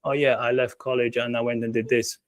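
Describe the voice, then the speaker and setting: A British man mimicking a flat, monotone robotic voice that reads out his life story like bullet points, on a dry, close recording. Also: medium pitch, a little fast, no echo, lightly acted. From United Kingdom. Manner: monotone, mechanical, clipped delivery.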